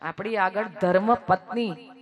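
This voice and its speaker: A woman narrating a devotional religious story in a sermon style, emphatic and pausing for moral asides to her listeners. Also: medium pitch, highs cut off, faint music behind.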